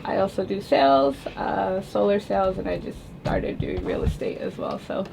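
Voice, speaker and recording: A woman's voice: medium pitch, normal speed, creaky, background noise. A woman in her thirties, chatting as a podcast guest with lots of fillers. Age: 30s. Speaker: panel guest. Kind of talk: casual podcast chat.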